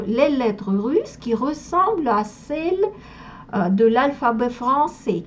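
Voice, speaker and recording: A woman's voice: fairly high pitch, muffled recording, slight background noise. A woman from Russia with a Russian accent, teaching a language lesson and carefully pronouncing sounds one by one. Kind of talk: slow spoken language lesson.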